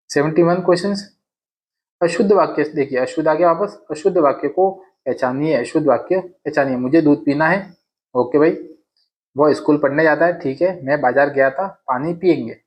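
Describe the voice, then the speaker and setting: A man teaching exam grammar in a casual classroom way, repeating each sentence and asking and answering his own questions. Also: on the high side. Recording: dull lo-fi sound.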